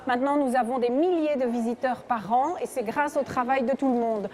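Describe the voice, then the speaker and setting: A woman's voice: high voice, fairly quick, a little mellow. A middle-aged woman, a heritage association founder, speaking with enthusiasm and many hesitations in an outdoor interview. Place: outdoors at a church event. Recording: crowd audible behind.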